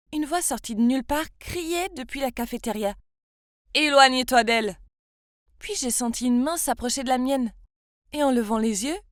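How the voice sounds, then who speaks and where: A woman narrating a story in the first person, expressive and confiding, speaking to the listener. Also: high voice, no room sound, clean studio sound.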